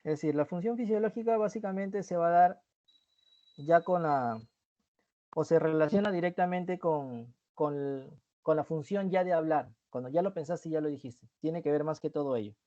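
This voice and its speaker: A man's voice: on the high side, normal speed, warm tone, muffled recording. A man teaching an online review class, explaining terms step by step and often checking in with the students.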